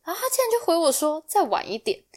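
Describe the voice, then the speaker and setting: A woman's voice: extremely high pitch, big pitch swings, fast, darkish tone. A young woman from Taiwan, hosting a podcast and telling a personal story in a casual way, acting out the quoted exchanges as she goes. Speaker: podcast host.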